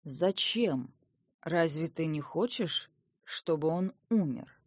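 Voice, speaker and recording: A woman voicing a serene old male hermit sage who makes slow, solemn, calm pronouncements in an audiobook. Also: low voice, husky, no room sound, studio quality, full character voice.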